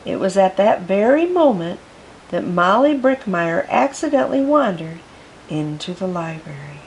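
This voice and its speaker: A woman reading a children's picture book aloud for storytime, with gentle, expressive narration. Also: medium pitch, moderate pace, slight background noise, low-quality recording. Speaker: storytime reader.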